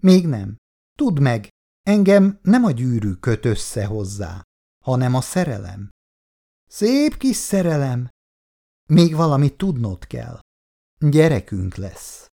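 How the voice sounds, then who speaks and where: A woman's voice: extremely low pitch, big pitch swings, dark tone, pitched above the performer's own voice, full character voice. A man reading aloud and voicing a bold young woman who insists and mocks her rival. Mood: brazen insistent. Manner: insistent, mocking, brazen.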